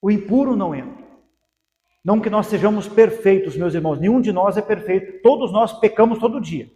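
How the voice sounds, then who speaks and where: A Brazilian pastor preaching a sermon in a high, ringing voice. His words echo through a large hall with a long reverb trail. He drives the message with repeated rhetorical questions. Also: a little fast, dark tone. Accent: Brazilian Portuguese.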